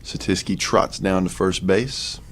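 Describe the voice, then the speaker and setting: Brief: young male play-by-play caller, deep low voice, laid-back chatty asides, faint hiss behind. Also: unhurried. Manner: relaxed, chatty, offhand asides between pitches. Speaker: play-by-play announcer. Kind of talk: sports commentary.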